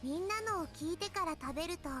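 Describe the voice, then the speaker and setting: High cute anime schoolgirls. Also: lively intonation, rapid-fire, a bit bright. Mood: cheerful. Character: playful teenage anime schoolgirls, teasing and sweet. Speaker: Japanese voice acting for game characters. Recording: played from a game with music.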